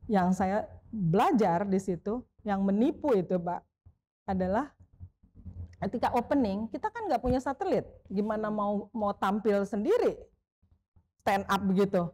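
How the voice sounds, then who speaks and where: A middle-aged woman spins long, lively anecdotes as an interview guest, mimicking the people in her stories. Her voice sits at an ordinary middle pitch. Her tone is warm and mellow rather than bright. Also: measured pace. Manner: animated, acts out quoted voices, often adds "Pak". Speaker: veteran sports broadcaster, guest. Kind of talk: storytelling in a casual interview.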